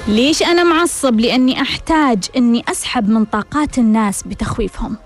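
A woman's voice: on the high side, quick pace, music in the background. A woman hosting a self-help show, giving a scripted monologue in which she asks questions and answers them herself.

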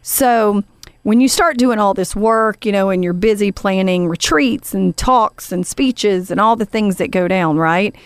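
A woman hosting her podcast, talking loosely and chattily with plenty of fillers. Her voice sits in an ordinary middle pitch. It is recorded close and dry. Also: unhurried, clear, resonant tone, dry recording. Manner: chatty and warm, many fillers, addresses the guest as honey. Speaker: podcast host. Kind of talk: casual podcast storytelling.

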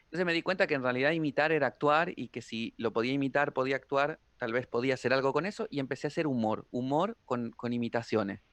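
Man, guest tarot reader, lively storyteller, dry close sound. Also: medium pitch, quick pace, hardly any pauses, dry recording. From Argentina. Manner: animated storyteller, playful, slips into impressions. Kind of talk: casual interview chat.

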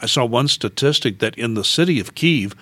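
A man hosting an interview, asking long, deliberate questions in a measured way. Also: medium pitch, expressive, a bit bright, breathy edge, dry recording. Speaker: host. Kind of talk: radio interview.

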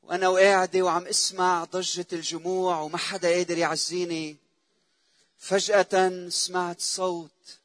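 A man voicing a grieving, lonely widowed mother who speaks softly and tenderly. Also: high voice, little pitch movement, moderate pace. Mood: tender grief.

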